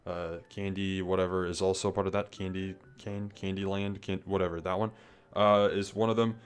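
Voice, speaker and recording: A man's voice: low-pitched, little pitch movement, normal speed, smooth. A man talking as a YouTuber reviewing a gaming event, slightly out of breath, rambling casually with lots of fillers and restarts. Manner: loose, chatty, full of fillers and restarts.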